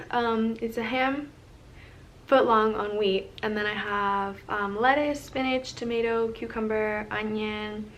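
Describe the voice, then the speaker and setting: Chatty woman vlogging, high voice. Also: fairly bright tone, far from the mic, a little hiss or hum. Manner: chatty, loose, many ums and likes. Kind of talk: casual eating vlog chat.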